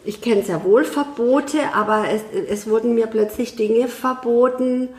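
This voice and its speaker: A woman guest in a conversational interview, speaking in a measured, thoughtful way with frequent hesitations. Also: on the high side, darkish tone, reverberant.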